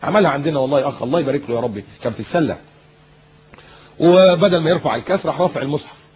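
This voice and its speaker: A man preaching a colloquial sermon with an Egyptian Arabic accent. He mocks as he goes, acts out little scenes in different voices and shouts some lines for effect. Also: on the high side, racing, a little hiss or hum, low-quality recording.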